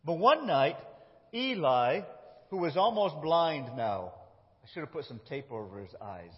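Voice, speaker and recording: Pastor, man, telling a story in a lively, higher voice; muffled, reverberant church hall. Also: unhurried. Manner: animated, reads dialogue in lively voices. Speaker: lead pastor. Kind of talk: sermon storytelling with children acting. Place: church sanctuary.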